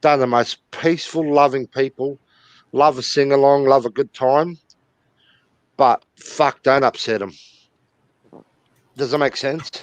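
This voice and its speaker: A man's voice: medium pitch, steady tone, a little slow, pauses often, no room sound, rough recording. Blunt New man chatting. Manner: blunt, enthusiastic, swears casually. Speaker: chat participant. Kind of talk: casual group voice chat.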